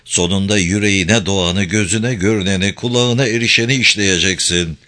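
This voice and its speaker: A man's voice: sits low, fairly even intonation, a little fast, bright, forceful tone. A man doing a stern old sufi sheikh. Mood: solemn commanding. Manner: grave, commanding instructions.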